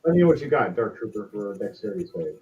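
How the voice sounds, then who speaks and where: Game master, male: lively swooping delivery, casual and theatrical, lo-fi sound with music underneath. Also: on the low side, rapid-fire, distant mic. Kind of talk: animated tabletop game narration. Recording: dull lo-fi audio with music.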